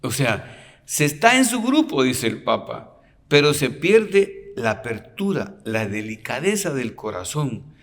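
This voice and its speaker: A man's voice: mid-range voice, big pitch swings, a little slow. A man who is a priest, giving a retreat sermon as a storyteller. He often adds a questioning "¿verdad?" and drops to a near whisper at touching moments. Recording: long reverb of a large hall.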